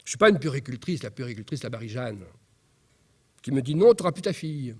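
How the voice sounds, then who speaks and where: A man's voice: mid-range voice, sing-song, warm tone. A man reading a stage monologue as an angry, distraught young mother who fires off outraged questions. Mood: outraged, agitated. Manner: raw, outraged, rapid-fire questions.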